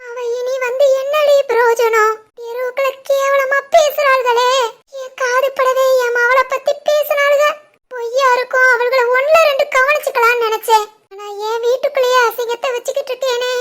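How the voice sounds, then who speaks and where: A woman voicing a furious middle-aged village mother-in-law in an animated family drama, with a Tirunelveli Tamil accent and a shrill, scolding delivery. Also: moderate pace.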